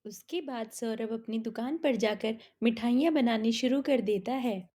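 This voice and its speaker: A woman narrates a cartoon story in a plain, even way. Her voice is high but dark and mellow. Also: unhurried.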